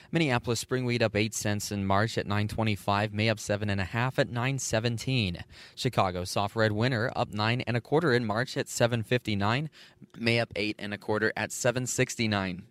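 A man's voice: lowish voice, fairly bright tone, no echo. American man reading a dry, close-miked radio farm report. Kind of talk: radio farm report, scripted news and market read. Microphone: close studio broadcast microphone.

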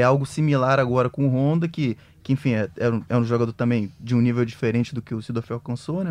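A man reports on a football club, choosing his words slowly and restarting often. His voice is mid-pitched. The sound is dry and close. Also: a little mellow, dry recording. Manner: measured, hesitant, many restarts. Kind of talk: casual sports discussion.

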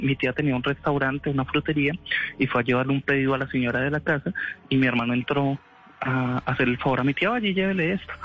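A man's voice: mid-range voice, a bit bright, muffled recording. A man casually telling a story in an interview, rambling with restarts and slangy asides.

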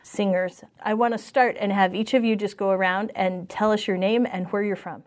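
A woman hosting a podcast interview. She reads her introduction cleanly from a script, then asks a table of guests plain questions in an easy voice. Her pitch sits in the middle range. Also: fairly even intonation, moderate pace. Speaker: podcast host and news editor. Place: around a table with a group of guests.

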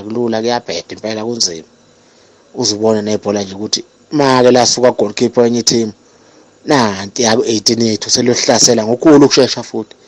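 A man's voice: mid-range voice, dry recording. A man talking casually about football.

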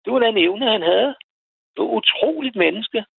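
A man calling in to a radio show, telling a personal story in a halting way, repeating words as he goes. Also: sits high, animated, gravelly, slightly rough, no room sound. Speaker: radio caller. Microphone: telephone. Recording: tinny phone line, dry.

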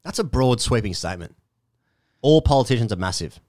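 A man's voice: mid-range voice, lively intonation, a little fast, darkish tone, no room sound, studio quality. A man co-hosting a podcast in casual chat, wry and laying out his arguments point by point. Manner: wry, argues his case with repetition. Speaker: podcast co-host.

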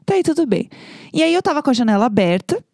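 A woman, co-hosting a casual chat podcast and telling a story in an animated, dramatic way. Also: high-pitched, quick pace, no room sound, studio quality. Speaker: podcast co-host.

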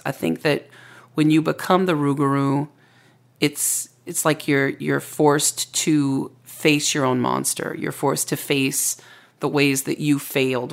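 Gravelly storyteller chatting about folklore. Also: mid-range voice. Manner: reflective, explanatory. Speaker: storyteller and author interviewed as a guest. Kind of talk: casual conversational storytelling.

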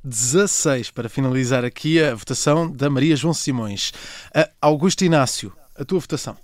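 A man's voice: medium pitch, fairly quick, no echo. A man with a European Portuguese accent presenting a contest show as its host.

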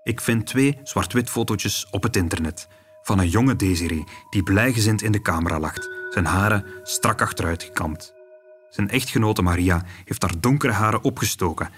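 A man's voice: fairly low pitch, normal speed. A man with a Flemish accent reading scripted true-crime documentary narration as the host. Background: music.

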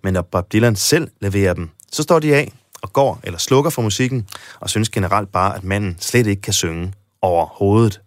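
A man's voice: fairly low pitch, no room sound, clean studio sound. A man hosting a music talk show, reading a scripted introduction and then chatting with enthusiasm as a fan. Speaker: radio host. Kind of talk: scripted introduction and casual interview.

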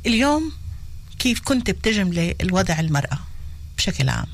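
A woman's voice: mid-range voice, big pitch swings, fast, slight background noise. A woman hosting a live interview as a talk show host.

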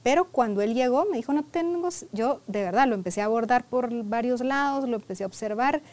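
A woman's voice: fairly high pitch, fast, darkish tone. A woman therapist telling a client's story in a conversational interview, often adding "right?" and "I mean" and acting out dialogue from the session. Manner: conversational, peppered with "¿verdad?" and "o sea".

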